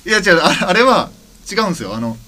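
Lively, bright-voiced man in casual podcast chat. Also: high voice, fast talker. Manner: animated, laughs often while talking. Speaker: bassist and podcast co-host.

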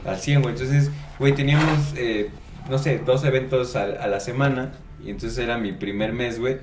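A young man with a Mexican accent telling a story in casual chat, animated and full of slang. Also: mid-range voice, normal speed, noisy background. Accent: Mexican Spanish. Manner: animated, laughing, slangy storytelling with shouted reenactments. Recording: echoey room.

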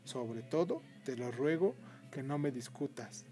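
A man voicing a burly, stern, short-tempered rich man in a read-aloud story, giving sharp, raised commands. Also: mid-range voice, lively intonation, a little slow, faint music behind, close to an everyday voice. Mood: cold.

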